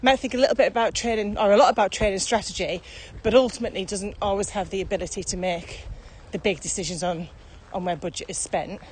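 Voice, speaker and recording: A woman co-hosting a podcast chats casually while walking outdoors across open fields, thinking aloud as she goes. Her medium-pitched voice moves fast with hardly any pauses, and steady outdoor ambient noise runs underneath.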